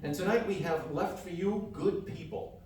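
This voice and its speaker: A comedy radio co-host and performer, this man puts on a mock-grand announcer act for scripted banter on a live hall stage. He has a high-pitched, darkish voice at a moderate pace, and the sound is very echoey, distant-miked, and faintly noisy.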